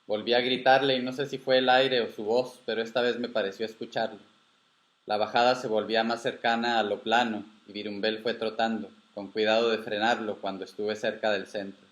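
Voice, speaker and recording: A man, the author reading his own story aloud in calm, steady first-person narration. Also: lowish voice, brisk, roomy sound.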